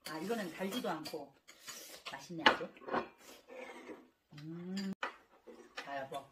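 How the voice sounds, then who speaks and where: A middle-aged woman talking while chewing, in relaxed, homey chat over a meal at her dining table. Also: lowish voice, rapid-fire, very noisy. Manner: relaxed, murmuring homey talk. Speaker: co-host of a family eating video. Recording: clinking dishes in the background. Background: dishes and cutlery clinking.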